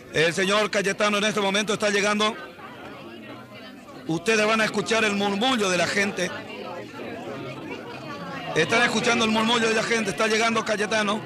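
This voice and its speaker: A man doing a comic sports radio report as a reporter, announcing in a hurried, breathless way. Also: high voice. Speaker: radio reporter in a comedy sketch.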